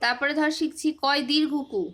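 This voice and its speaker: A woman's voice: high voice, steady tone, fairly quick, bright, forceful tone. A woman teaching a casual phonics lesson, patiently quizzing her pupil with repeated questions.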